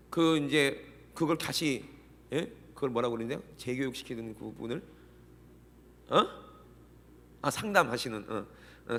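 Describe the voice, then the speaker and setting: Gravelly middle-aged pastor preaching. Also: male voice, on the high side. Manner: animated, keeps questioning the congregation. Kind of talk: sermon. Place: church sanctuary. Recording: long church hall reverb.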